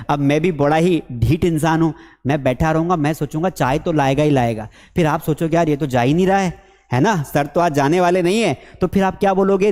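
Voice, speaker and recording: A man with a Hindi accent teaching spoken English at a board. He talks in a lively, playful way and keeps asking questions that he then answers himself. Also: high voice, long reverb tail. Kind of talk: classroom lesson with a whiteboard.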